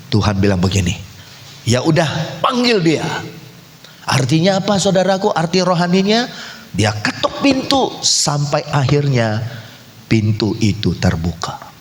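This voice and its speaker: A male pastor preaches with a wildly animated pitch, leaping up into cries and falling back low. His voice rings out with a long reverb in a church hall. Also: a little slow. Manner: dramatic preaching with sudden high cries and low drops. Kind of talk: sermon.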